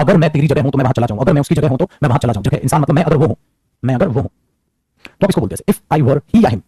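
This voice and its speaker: A male teacher giving an animated grammar lecture to students, talking fast and calling them beta. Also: on the high side, husky, dry recording.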